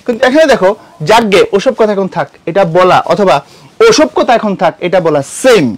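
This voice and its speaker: Man, Bangladeshi Bengali accent, teacher, brisk, quizzing, high voice. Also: lively intonation. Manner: brisk, quizzing students with checks like "got it?". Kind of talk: exam solution lecture.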